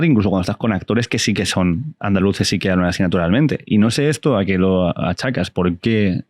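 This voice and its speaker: A man hosts a casual podcast interview, asking questions in a brisk, informal way full of slang fillers. He talks quickly in a somewhat low voice. The sound is dry and close, with no room echo. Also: a little mellow.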